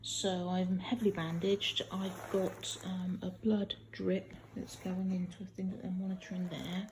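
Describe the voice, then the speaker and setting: A woman talking casually in a halting video diary from a hospital room, sounding weak and tired and in some pain hours after surgery. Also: fairly low pitch, level tone, a little hiss or hum, low-quality recording. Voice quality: husky, creaky. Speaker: patient recording a post-op video diary.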